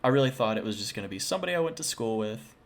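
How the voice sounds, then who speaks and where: A man's voice: mid-range voice, animated, very fast. A young adult man casually telling a personal paranormal story, chatty and full of self-deprecating asides.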